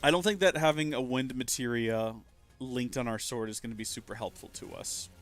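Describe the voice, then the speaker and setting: A man's voice: mid-range voice, fairly quick, a bit bright, faint music behind. A man giving casual, jokey gameplay commentary as a streamer, thinking aloud as he plays. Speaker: game streamer.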